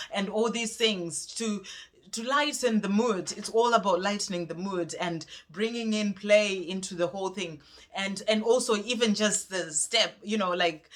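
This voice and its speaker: A woman chatting casually on a spiritual vlog, rambling and gentle as she talks through a song and pulls cards. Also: medium pitch. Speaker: spiritual card reader.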